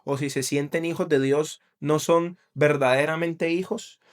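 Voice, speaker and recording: Measured in pace and fairly even in intonation, this slightly high male voice belongs to a middle-aged co-host of a faith podcast. The chat is casual, yet he talks earnestly, working through ideas out loud and regularly checking in with the listener.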